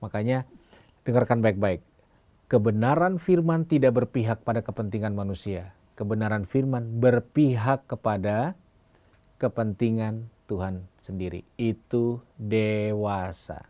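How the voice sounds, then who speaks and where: A man's voice: fairly low pitch, moderate pace, mellow, no echo. A man from eastern Indonesia preaching to young people, speaking right to them and telling humorous stories. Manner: humorous storytelling, direct address to the listeners.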